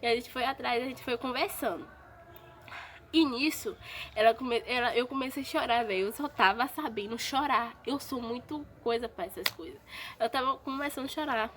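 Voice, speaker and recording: A woman's voice: on the high side, moderate pace, a bit bright. Chatty woman telling a personal story. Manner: chatty, repetitive, talks straight to viewers. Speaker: vlogger. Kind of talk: casual storytime vlog.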